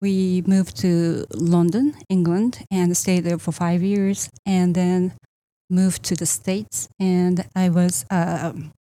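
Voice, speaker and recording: A woman's voice: fairly low pitch, flat delivery, slow pace, warm tone, dry recording. A middle-aged woman from Japan, a real estate agent answering interview questions in a hesitant way, with many fillers.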